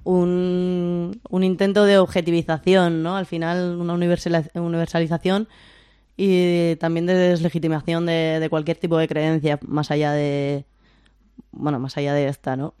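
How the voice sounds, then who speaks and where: A speaker of unclear sex with a Spain accent and a slight lisp, explaining informally and haltingly, often checking with short tag questions. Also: mid-range voice, flat delivery, darkish tone, clean tone, no echo, clean studio sound. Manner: lisping, pronouncing s as th. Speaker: discussion leader.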